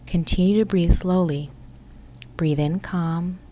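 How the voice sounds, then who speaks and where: A woman reading a guided muscle-relaxation script in a soft, soothing, calm manner, often sliding into a half-whisper. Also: lowish voice, takes it slowly, a little hiss or hum.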